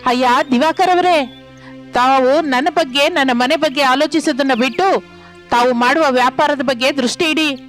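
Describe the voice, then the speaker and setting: A proud family man from a cartoon story, struggling but holding firm, voiced by a woman in a dignified, quietly defiant way. The pitch is high for a man, with faint music beneath. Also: moderate pace, lightly acted.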